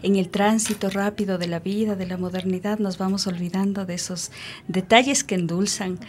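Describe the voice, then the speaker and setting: A woman hosting a radio interview, speaking smoothly and articulately. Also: mid-range voice, steady tone, moderate pace, darkish tone, a little hiss or hum. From Ecuador. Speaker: radio host.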